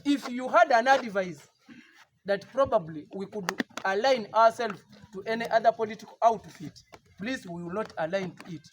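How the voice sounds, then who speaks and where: A man's voice: high voice, moderate pace, background noise. A man with a Ugandan English accent, a party politician giving an emphatic, defiant press statement with repeated rallying lines.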